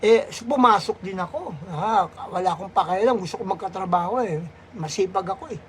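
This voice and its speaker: A man's voice: sits high, brisk, a little hiss or hum. A man, a comedian, telling comic stories on a live stream in a rambling, giggly way, full of fillers and restarts. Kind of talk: comic storytelling.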